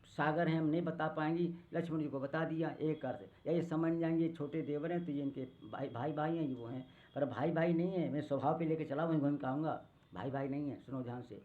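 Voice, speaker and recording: A man in his eighties giving a devotional discourse, slowly chanting verses and acting out quoted women. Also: fairly high pitch. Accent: Hindi, north Indian. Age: 80s. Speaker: katha preacher. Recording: phone-like narrow band.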